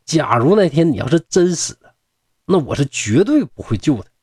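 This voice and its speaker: A man's voice: a little high, sing-song, normal speed, darkish tone, slightly rough, dry recording, clean studio sound. A man voicing a proud young scholar who teases and grumbles in blunt colloquial speech. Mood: grumbling. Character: proud young scholar, teasing and grudge-holding.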